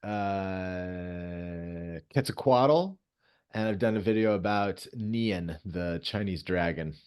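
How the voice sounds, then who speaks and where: A man co-hosting a podcast, trading quick playful jokes in casual chat. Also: low-pitched, a little mellow, clear, resonant tone. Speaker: podcast co-host.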